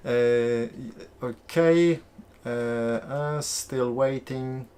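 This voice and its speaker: A Polish man with a Polish accent hosts a live stream, answering viewer questions in a loose, chatty way packed with fillers and restarts. His medium-pitched, darkish voice moves very slowly, there's a little hiss or hum, and he is sweating in a warm room.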